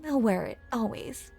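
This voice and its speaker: A woman with a fairly high, breathy voice plays a lonely, possessive female ghost in an intimate audio drama monologue. Hushed and coaxing, sweetly sinister, she uses genteel old-fashioned phrasing and often sinks toward a whisper.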